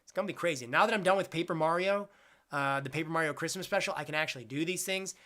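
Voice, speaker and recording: Bright-voiced young man chatting on stream. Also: fairly high pitch, fast talker. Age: 20s. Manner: rambling, self-deprecating, jokey. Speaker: streamer reading chat. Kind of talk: casual live-stream chat.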